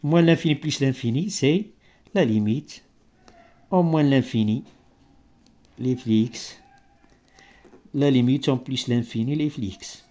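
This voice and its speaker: A male maths teacher, not a native French speaker, explaining step by step in halting, broken French with grammatical slips and searches for words. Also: medium pitch, mellow. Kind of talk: improvised maths lesson.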